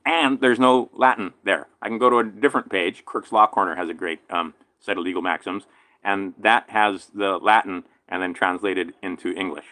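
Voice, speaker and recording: A man from Hawaii with a slight lisp from a damaged tooth, rambling through a casual monologue, swinging between loud emphatic bursts and low mutters. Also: steady tone, normal speed, dry recording. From island in Hawaii. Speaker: vlogger.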